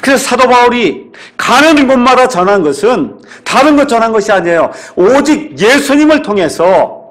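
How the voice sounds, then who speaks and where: A man's voice: very high voice, big pitch swings, normal speed. A man preaching a sermon as pastor, emphatic and repetitive, with rhetorical questions to his congregation. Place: church sanctuary.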